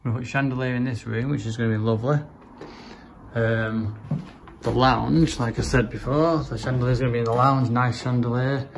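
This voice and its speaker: A man in his thirties, a home renovation vlogger, rambles through an informal, matter-of-fact walk-through of the rooms of a house, filming on a handheld camera or phone held at arm's length. His mid-range voice is steady, slightly creaky, and a bit quick. Noticeable background noise runs under the indoor recording.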